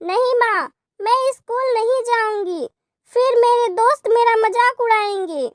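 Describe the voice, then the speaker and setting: A woman's voice: very high voice, a little slow, dry recording, studio quality, voice pushed up. A woman voicing a sad, stubborn young schoolgirl in a cartoon story. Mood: upset.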